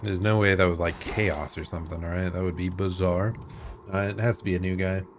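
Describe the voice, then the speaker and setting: A man's voice: sits low, steady tone, a little fast, noisy background. A man giving casual commentary as he plays a video game, like a streamer talking to himself and viewers. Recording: game music playing behind the voice. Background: game music.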